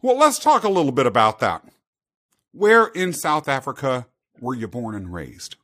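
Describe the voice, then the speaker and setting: A man hosting a podcast interview, asking upbeat, animated questions. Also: mid-range voice, moderate pace. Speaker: podcast host.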